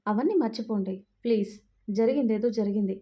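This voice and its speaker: A woman voicing a caring, confident young man who speaks in a reassuring, gently teasing way in a Telugu audio story. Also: sits high, brisk, natural voice.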